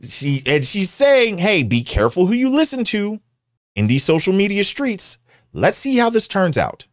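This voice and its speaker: A man's voice: high-pitched, sing-song, moderate pace, dry recording, studio quality. A middle-aged American man giving casual, slangy, teasing reaction commentary as a show host. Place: indoor home studio. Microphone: close studio mic on boom arm.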